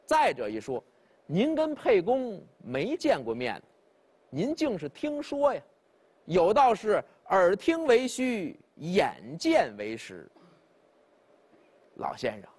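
Man playing a smooth-talking courteous magistrate. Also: high voice, full character voice. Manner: polite, coaxing official speech. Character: male county magistrate, courteous and persuasive.

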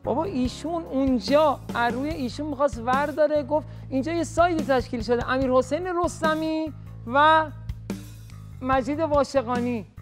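A nervous, shaken woman pleads her innocence, apologizing again and again as her words tumble out. Faint music runs under her voice. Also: sits high. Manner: pleading, apologetic, rambling self-defense. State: nervous, shaking. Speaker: game player.

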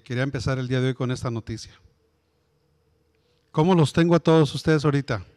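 A man leading a workplace communication workshop, animated and questioning the group directly. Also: on the high side, smooth. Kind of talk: interactive workshop talk to a group.

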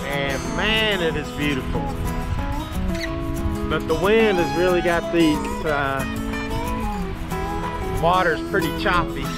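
A middle-aged man narrating a casual travel vlog outdoors and from his car, filmed on a camera held at arm's length. He talks in a relaxed, unhurried way, with many fillers. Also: fairly high pitch, loud music behind the voice. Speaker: travel vlogger. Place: outdoors on windy overlooks and inside a moving car. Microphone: action camera held at arm's length. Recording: loud wind and road noise.

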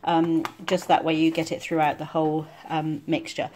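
A woman talking casually through each step of a home cooking demonstration in a relaxed, chatty way. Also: sits low, normal speed, slight background noise. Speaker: home cook vlogger. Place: home kitchen.

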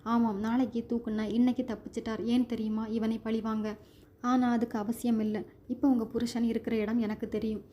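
A woman voicing a kind policeman's wife who speaks gently and hesitantly. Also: fairly high pitch, level tone, normal speed, natural voice. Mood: probing.

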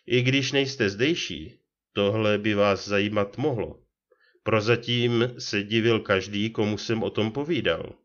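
A man voicing a talkative, excitable old ferryman in a read-aloud story, exclaiming and gossiping, on a dull lo-fi recording. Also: lowish voice, lightly acted. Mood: chatty.

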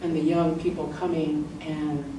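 An author and illustrator, a middle-aged woman and native English speaker, gives an informal book talk in an echoey indoor lecture room with a level tone and moderate pace. Chatty and laughing, she acts out quoted lines with jumps in pitch, and a far camera captures roomy, noisy audio.

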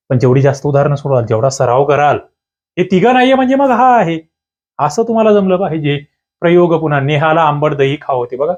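Man, exam-prep teacher, higher-pitched voice, emphatic rhetorical questions, muffled lo-fi recording. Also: a little mellow. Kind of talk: online exam-prep lesson. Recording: dull lo-fi sound.

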